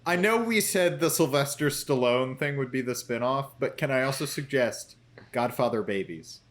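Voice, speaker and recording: A young man in casual podcast chat with his co-hosts. He talks in an animated way, full of quick asides, and drops into playful voices when he quotes a character. His pitch sits in the middle range for a man. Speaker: podcast co-host.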